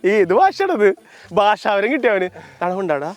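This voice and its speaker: A man's voice: high voice, big pitch swings, normal speed. A man hosting a challenge video, playful and teasing, hyping the contestants with sung sound effects. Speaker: host running an ice sofa challenge.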